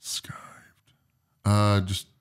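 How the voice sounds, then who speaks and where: Easygoing lower-pitched man, podcast guest. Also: monotone, very slow, smooth. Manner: easygoing, jokey, laughs often. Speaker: guest, competitive eater. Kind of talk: casual podcast chat. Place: podcast studio.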